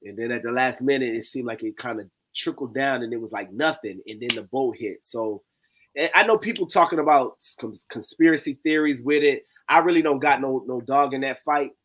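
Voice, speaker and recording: Animated slangy man in his forties. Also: mid-range voice, a little fast. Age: 40s. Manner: animated storyteller, slangy and conversational. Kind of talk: casual chat. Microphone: video call.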